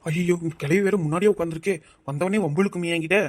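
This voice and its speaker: A woman's voice: lowish voice, fast talker, darkish tone, natural voice. A woman voicing a cheeky young daughter-in-law in a cartoon, complaining.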